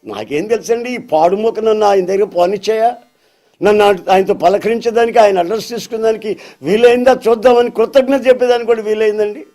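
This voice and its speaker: A man's voice: high-pitched, brisk, dark tone, soft background music, pitched above the performer's own voice. A preacher acting out a grieving healed blind man. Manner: pleading, respectful address.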